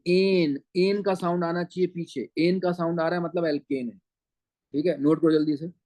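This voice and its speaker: A man with a Punjabi-flavoured Hindi accent gives an online chemistry lecture in a slightly high voice. The recording is dry and close, without room echo. He calls his students beta and keeps asking whether they have understood. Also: little pitch movement, brisk, warm tone. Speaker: chemistry teacher.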